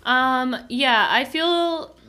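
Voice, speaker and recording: A woman's voice: high voice, very slow, pushed and bright. A woman co-hosting a podcast, talking casually with many ums and likes. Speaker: podcast co-host. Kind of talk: casual chat.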